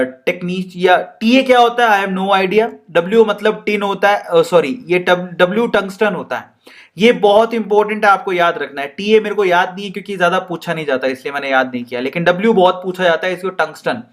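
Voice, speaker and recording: Playful high-voiced male chemistry teacher. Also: moderate pace. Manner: playful, jokey, laughs while teaching; animated, mixes Hindi and English. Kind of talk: classroom lecture.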